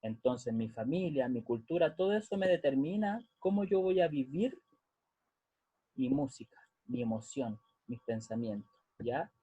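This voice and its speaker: A man's voice: on the high side, sing-song, measured pace, mellow, breathy edge, no room sound. A man explaining music theory patiently in a lesson, often checking that the listeners follow. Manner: patient, checks understanding with frequent "¿ya?". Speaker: music teacher.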